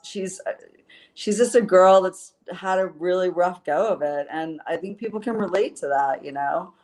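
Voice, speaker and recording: A Los Angeles-based woman author answers interview questions in a lowish, slightly mellow voice at a normal speed. She is earnest and rambling, and her answers are full of fillers.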